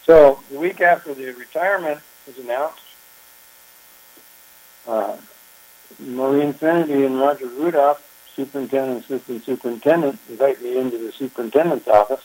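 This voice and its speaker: An older man, a former park chief ranger, telling his story in an interview, unhurried and reflective with frequent pauses. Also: mid-range voice, darkish tone, poor audio. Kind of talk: oral history interview.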